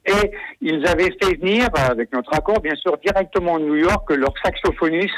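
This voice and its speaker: A man's voice: a little high, moderate pace, poor audio. A man from Normandy, a festival organizer, talking enthusiastically in a radio interview with many hesitations. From Normandy, France. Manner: enthusiastic, warm about musicians, frequent hesitations.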